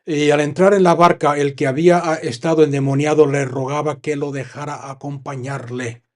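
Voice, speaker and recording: A man with a Spanish accent from Spain, preaching a sermon and reading Bible verses aloud, with frequent pauses to comment and stress his points. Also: fairly high pitch, fairly even intonation, a little mellow. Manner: reads scripture, then stops to comment and stress points. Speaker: pastor.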